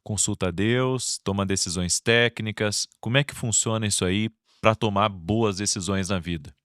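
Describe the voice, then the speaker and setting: Low-voiced male interviewer, encouraging. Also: normal speed, a bit bright, no echo, studio quality. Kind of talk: conversational interview.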